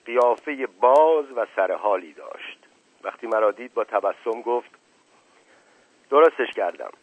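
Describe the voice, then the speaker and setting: A man narrating a novel in a measured storytelling manner, in an audiobook reading. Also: fairly low pitch, expressive, breathy edge, no room sound. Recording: narrow phone-like radio recording.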